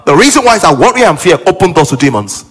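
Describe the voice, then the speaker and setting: Lebhafter, hoher Prediger mit heiserem Ton. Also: male voice, high-pitched, sing-song, quick pace, a bit bright, breathy edge. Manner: emphatic preaching, repeats lines, acts out quotes. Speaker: pastor. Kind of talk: sermon.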